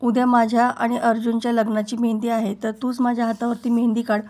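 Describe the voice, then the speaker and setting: A woman's voice: on the high side, level tone, fast, a little mellow, close to an everyday voice. A woman reading the lines of a boastful young rival woman, mocking and taunting.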